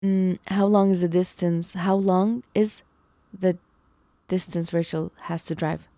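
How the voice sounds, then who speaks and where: A woman on a live stream ponders math problems aloud, chatting with viewers and second-guessing herself, all while feeling her voice fade. Her voice sits on the low side, steady and dark in tone, a little slow, with no echo.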